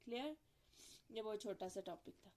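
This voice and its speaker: A woman giving a phonetics lesson, explaining step by step, demonstrating sounds aloud and often asking if it is clear. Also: medium pitch, lively intonation, normal speed, darkish tone. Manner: mixes in English terms, demonstrates sounds aloud. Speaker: teacher. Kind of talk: phonetics lecture.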